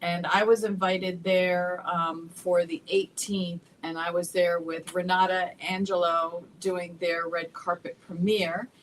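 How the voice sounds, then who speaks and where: A woman's voice: on the low side, little pitch movement, unhurried, few pauses, slight background noise, poor audio. A woman hosting a casual roundtable chat, bubbly and laughing often. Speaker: show host.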